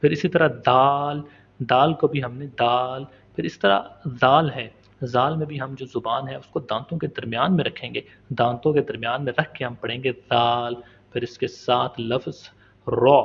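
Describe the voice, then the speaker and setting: Gravelly man teaching letter sounds. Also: medium pitch, fairly bright tone, dull audio. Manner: patient, demonstrates sounds slowly and repeats them. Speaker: Quran recitation teacher. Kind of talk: step-by-step pronunciation lesson.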